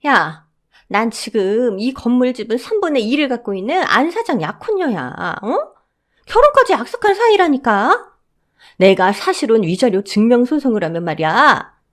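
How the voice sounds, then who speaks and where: Woman playing a shrill, haughty mother-in-law. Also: huge pitch swings, normal speed, darkish tone. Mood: shrieking. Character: brash shrieking middle-aged mother-in-law claiming ownership.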